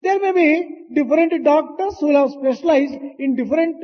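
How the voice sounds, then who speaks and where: An interpreter translating a spiritual discourse in a large hall, speaking haltingly with hesitations. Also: high-pitched. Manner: slow, halting delivery with hesitations. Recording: dull archival recording with long hall reverb.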